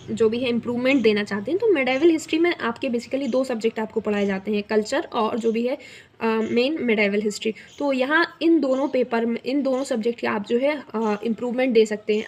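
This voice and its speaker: A woman's voice: on the high side, a little hiss or hum. Young woman explaining college procedures. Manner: conversational, many fillers, mixes English words into Hindi. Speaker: student guidance youtuber. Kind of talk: explainer video.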